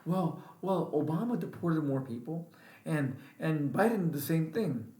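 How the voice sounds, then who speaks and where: A man's voice: on the high side, expressive, unhurried, mellow. A man mimicking a defensive Trump supporter who makes excuses in a whiny tone. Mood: mocking. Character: mocking adult Trump supporter making excuses. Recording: roomy echo.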